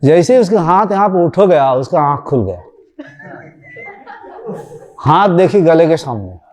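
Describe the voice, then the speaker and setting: A man's voice: a little high, expressive, unhurried. A man, a spiritual teacher, giving a conversational storytelling talk and acting out the voices of the people in his story.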